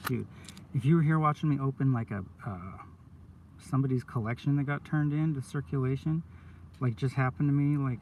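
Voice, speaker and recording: Man, casual live-stream chat, rambling, excitable, stoned, gravelly voice, slightly distant mic, faint background hum. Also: mid-range voice. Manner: rambling, excitable, lots of "dude" and "oh my God". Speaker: coin roll hunter streaming live. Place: in a van.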